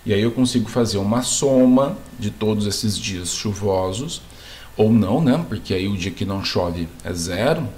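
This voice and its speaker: A man's voice: lowish voice, dark tone. A man teaching a geography lesson, explaining step by step, asking the class questions and checking in with them as he goes. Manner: asks the class questions, then answers them. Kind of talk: video lesson.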